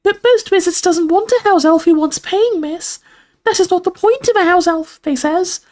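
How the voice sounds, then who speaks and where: Voicing a storybook house elf, a woman gives the eager, servile little male creature a squeaky, shrill voice, broken grammar, and third-person self-references. Her delivery is moderately paced with a darkish tone, delighted and eager.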